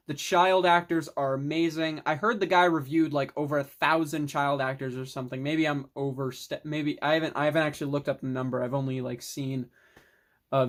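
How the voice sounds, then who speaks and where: A young adult film collector talks through favorite movies in a loose, unscripted way. The delivery is enthusiastic and rambling, with mild swearing. The pitch sits at an ordinary middle level. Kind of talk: casual film review monologue.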